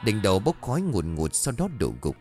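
Deep-voiced man narrating horror. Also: sing-song, brisk, dark tone. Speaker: storyteller. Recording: faint background music.

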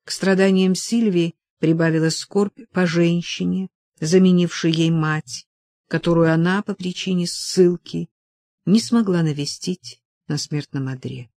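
A woman narrating a novel in a measured, expressive reading. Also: fairly low pitch, no echo, clean studio sound. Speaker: audiobook narrator. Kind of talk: scripted narration.

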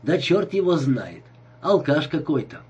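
A suave seducer speaks with false sympathy, as a male reader plays him. The voice is husky, and the intonation moves a lot. Audiobook character reading. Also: on the high side, very animated, measured pace, darkish tone, lo-fi sound, heavily acted. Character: smooth-talking seducer man, nervous underneath.

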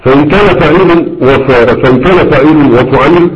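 A man with an Egyptian Arabic accent teaching a grammar lesson, reading verses slowly and then explaining them in a chatty way that keeps checking his students follow. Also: fairly high pitch, slight background noise. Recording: dull, echoey classroom recording.

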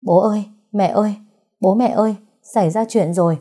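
Một phụ nữ đóng vai cô vợ trẻ hoảng hốt, nói nghẹn ngào, van nài. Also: female voice, on the low side, moderate pace, dark tone, close to an everyday voice. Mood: panicked. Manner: pleading, breathless. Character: panicked young wife, tearful and pleading.

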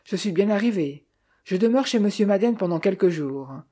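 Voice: medium pitch, expressive, moderate pace, warm tone, lightly acted. A reader voicing a young, idle male heir who speaks in an offhand, detached way.

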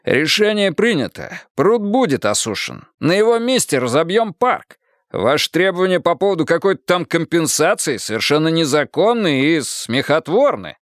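A man's voice: a little high, big pitch swings, normal speed, dry recording, clean studio sound, pitched above the performer's own voice. A man voicing a hectoring, pompous mayor. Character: pompous male mayor, exasperated and shouting.

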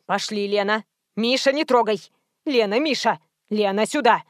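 A woman's voice: medium pitch, normal speed, no room sound, natural voice. A flustered grandmother of about sixty , voiced by a woman reader, scolds the children in firm, clipped commands. The reading is close-miked and dry. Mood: scolding.

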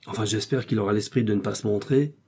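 A man's voice: lowish voice, fast talker, dark tone, husky. A man reading an audiobook, voicing a fretful, pompous aristocratic husband who speaks in an agitated, peevish way.

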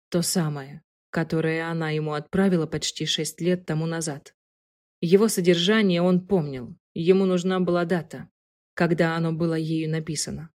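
A woman narrating an audiobook in a calm, soft, even manner. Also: low-pitched.

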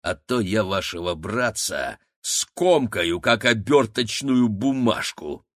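A man voicing a huge, brutish giantess in an audiobook, speaking slowly and threateningly. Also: animated, dry recording, studio quality. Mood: bullying. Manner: slow, booming, threatening. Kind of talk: audiobook character voice.

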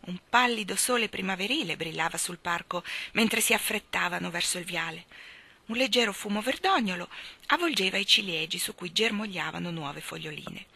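A woman reading a children's story aloud in an expressive way, often dropping to soft, hushed tones. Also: fairly low pitch, moderate pace, creaky, slightly rough. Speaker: reader. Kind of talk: audiobook storytelling.

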